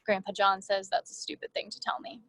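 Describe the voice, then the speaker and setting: A woman reading her own first-person fiction aloud in a measured way, with brief casual asides to the audience. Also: medium pitch, completely flat delivery, a bit bright, no echo. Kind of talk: literary reading.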